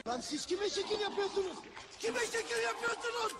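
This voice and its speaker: A man's voice: very high-pitched, animated, normal speed, loud music behind the voice. A man in a comic skit, speaking in a swaggering, confrontational way.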